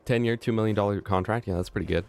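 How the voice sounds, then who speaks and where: Low-voiced joking male streamer. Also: racing, gravelly, soft background music. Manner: joking, chatty with the chat. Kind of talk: casual gameplay livestream commentary.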